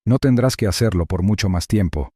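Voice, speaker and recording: A man voicing a calm, urgent federal agent. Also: lowish voice, a little fast, slightly rough, dry recording, clean studio sound.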